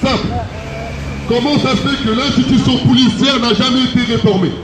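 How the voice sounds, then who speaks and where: A man's voice: extremely high pitch, steady tone, brisk. A man from France, an activist giving an impassioned outdoor speech at a protest, insistently repeating each key phrase. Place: outdoors on a city street. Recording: echoey street with loud background noise.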